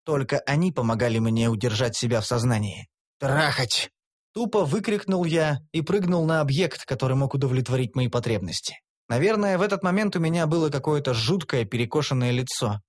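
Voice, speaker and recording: A man narrating a humorous fantasy audiobook in the first person, with a wry, expressive delivery. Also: mid-range voice, a little fast.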